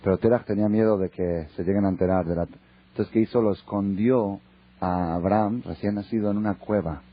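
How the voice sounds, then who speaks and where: A man with a Mexican accent, a rabbi teaching a Torah class in a lively storytelling way. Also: on the low side, fairly quick, slightly rough. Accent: Mexican Spanish. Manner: lively, acts out dialogue. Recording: dull lo-fi recording.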